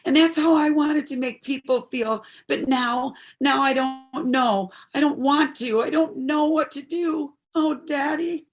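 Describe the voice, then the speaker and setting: Pitched high and unhurried, this woman's delivery has hardly any pauses. Voicing a 26-year-old medical student daughter, earnest and troubled, she sounds anguished as she pleads from the heart in an audio stage play.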